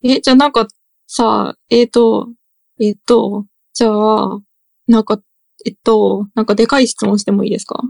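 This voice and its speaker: A woman's voice: mid-range voice, level tone, normal speed, vocal fry, a little mellow, no room sound. A woman hosting a casual podcast chat, hesitant and full of fillers. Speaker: podcast host.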